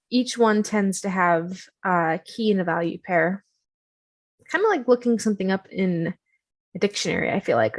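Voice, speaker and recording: Speaking at a medium pitch, a woman casually guides viewers through a software tutorial on her screen. She's chatty and self-deprecating, using lots of fillers.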